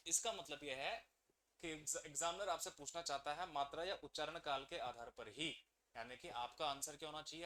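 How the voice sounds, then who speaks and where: A man with a high, ringing voice teaches an exam-prep class. He keeps throwing questions at the students and answering them himself, and the bright edge of his voice carries through the lesson. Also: slight background noise.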